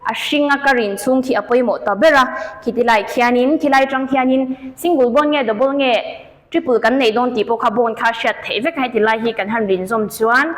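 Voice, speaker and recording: A woman's voice: on the high side, big-room sound, poor audio. A woman teacher working through exam questions, listing and explaining each answer option in turn. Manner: explanatory, lists options one by one. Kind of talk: exam question walkthrough lesson.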